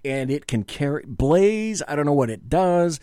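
A man co-hosting a casual political talk show from a small studio. He rambles and restarts, joking at his own expense. His pitch swings up and down freely, and the sound is close and dry. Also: sing-song, moderate pace, dark tone, no echo. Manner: chatty, self-deprecating, rambling with restarts.

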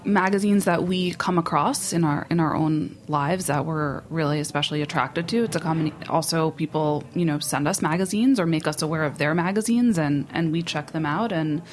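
A woman's voice: low voice, fairly quick, hardly any pauses. A woman guest on a radio show, co-directing an event and talking in a friendly, rambling way with frequent restarts. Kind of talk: casual radio chat.

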